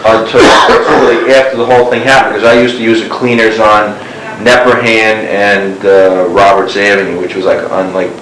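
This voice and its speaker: A man being interviewed on an old cassette tape, talking in a meandering way full of "you know" and "like". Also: fairly low pitch. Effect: old cassette tape recording. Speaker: interviewee, former neighbor. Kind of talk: rambling recorded interview. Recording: hissy echoey cassette tape.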